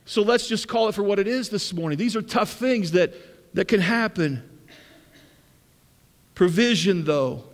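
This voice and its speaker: A man preaching a sermon as pastor, acting out the words of the scripture figures in lively bursts. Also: sits high, a little slow, long pauses, long reverb tail.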